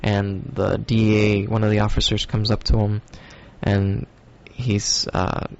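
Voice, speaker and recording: A man with a low, gravelly voice hosts his own stoner podcast, drifting through his thoughts with frequent ums and casual swearing. The recording sounds dull and lo-fi, like a home setup. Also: completely flat delivery, unhurried, a little mellow. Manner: loose, rambling, profane, with many fillers. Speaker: podcast host.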